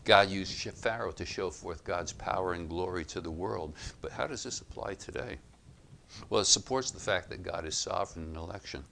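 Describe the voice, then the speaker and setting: A man giving expository Bible teaching, reading passages aloud and explaining them in a measured, emphatic way. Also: deep voice, creaky, fairly bright tone, slight background noise.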